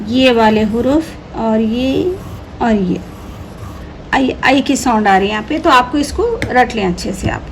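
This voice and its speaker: A woman teaching an Urdu reading lesson, repeating each word slowly and patiently explaining how the letters sound. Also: a little high, animated, background noise. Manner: slow drilled repetition of each word.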